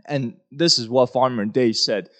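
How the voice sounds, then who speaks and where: A man's voice: medium pitch, a bit bright. Earnest man from Taiwan giving testimony. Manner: earnest, halting with many fillers. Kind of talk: church testimony.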